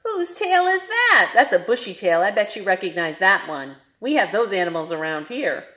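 A young woman, a children's librarian, reads aloud at story time with an animated, sing-song, questioning delivery. Her voice sits a bit low, and she moves along briskly.

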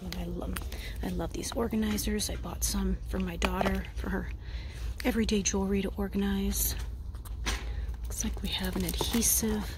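A woman in her thirties in a whispered role-play, softly pointing out items while walking store aisles with a handheld phone. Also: mid-range voice, steady tone, moderate pace, background noise. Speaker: vlogger. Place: indoor retail store aisles.

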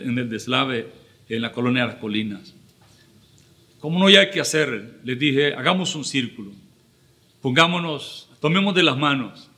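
A middle-aged man, preaching an earnest, measured sermon with pauses as pastor. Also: mid-range voice, pushed and bright. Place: church livestream.

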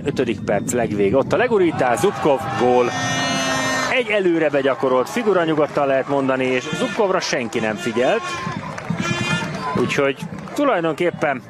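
A man giving excited, emphatic live TV commentary on a football match. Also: medium pitch. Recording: loud stadium crowd noise. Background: loud stadium crowd.

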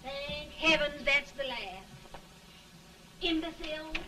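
An actress playing a sharp-tongued, domineering wife who talks in a scolding, imperious way in an early talkie film. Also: female voice, sits high, expressive, slow pace, exaggerated voice. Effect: early talkie film sound. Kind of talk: 1930s film acting. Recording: distant, hissy early film soundtrack.

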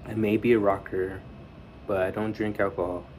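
A man's voice: fairly low pitch, little pitch movement, normal speed, a little mellow, slight background noise. A man hosting a reaction video, chatting casually, laughing a lot and swearing at what he is watching. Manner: laughs often and swears, talks back at the screen.

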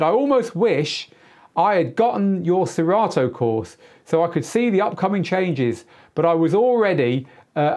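In this live Q&A, the host is a middle-aged DJ tutor with a somewhat mellow, fairly high-pitched voice. He speaks casually and emphatically in a chatty style, recorded through a lapel mic in a small indoor studio.

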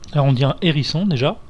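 A man's voice: on the high side, dull audio. A young man chatting casually over his gameplay, humming little ditties and muttering to himself. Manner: chatty, sings playful silly ditties. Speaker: let's play gamer.

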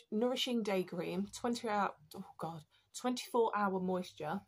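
A young British woman with a fairly low voice talks through her skincare routine at home. Her nose sounds slightly blocked. She chats loosely to camera with frequent ums and self-corrections. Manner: chatty, many ums and restarts. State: stuffy nose. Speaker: beauty vlogger. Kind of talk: casual skincare tutorial.

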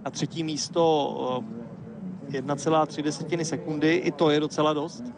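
A man giving live, measured ski race commentary, analytical and hesitating now and then. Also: a little high, steady tone, crowd noise.

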